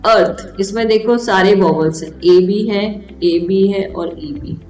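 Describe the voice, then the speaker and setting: A woman's voice: mid-range voice, measured pace, darkish tone. A woman teaching a children's English grammar lesson, asking simple questions and spelling each word letter by letter. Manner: spells words out letter by letter, asks and answers own questions. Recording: echoey room, voice from a distance, faint music.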